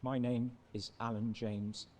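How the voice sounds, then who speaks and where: An actor playing an earnest resistance activist making a solemn, pleading political appeal in a video game. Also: male voice, medium pitch, little pitch movement, a little slow, a little mellow, natural voice. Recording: noisy homemade videotape.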